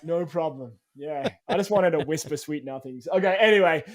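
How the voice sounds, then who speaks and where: A man's voice: a little high, fairly quick. A man hosting a casual podcast chat, joking and swearing freely. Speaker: podcast host.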